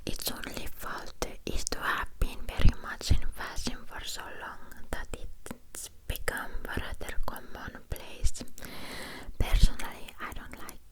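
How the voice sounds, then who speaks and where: A woman reads a book aloud in a soft ASMR whisper close to the ear, halting now and then over words. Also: poor audio. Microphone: close ear-to-ear ASMR microphone.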